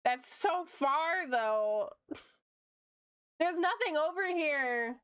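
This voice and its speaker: A woman's voice: high voice, animated, drawn-out words, a bit bright, no room sound, studio quality. A woman, chatting casually on her stream while she draws, upbeat, often laughing and using lots of fillers. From Canada (Ontario). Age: late 20s. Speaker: streamer and VTuber. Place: home room.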